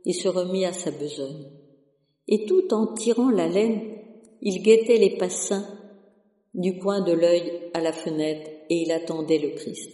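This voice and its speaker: A narrator reading a storybook aloud in a calm, measured manner. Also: mid-range voice. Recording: echoey room with long reverb.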